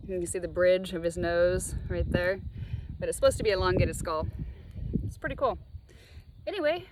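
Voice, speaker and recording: A woman vlogger casually showing spiritual objects, talking in a loose, meandering way and slowing down to name things, with a dry mouth. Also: fairly low pitch, background noise. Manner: loose, meandering, slows down when naming objects. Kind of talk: casual show-and-tell.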